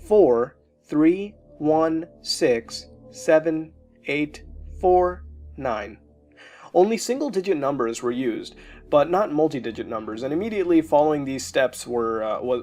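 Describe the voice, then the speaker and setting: A man's voice: on the high side, a little mellow. A man casually narrating a creepy internet story for a video, with the occasional filler as he goes. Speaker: YouTube narrator.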